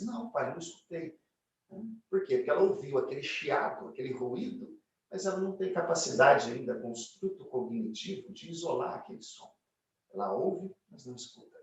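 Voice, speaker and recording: A man's voice: mid-range voice, distant mic. A man giving a motivational lecture on communication, asking the audience rhetorical questions and acting out little quoted lines. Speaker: speaker giving a corporate talk. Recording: very echoey room, mic set back.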